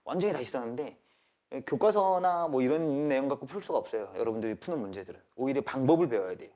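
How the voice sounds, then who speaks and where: During a live math lecture, a male teacher keeps quizzing his students and checking in on them, switching between polite and casual language. He speaks at a medium pitch with lively intonation and a somewhat mellow quality.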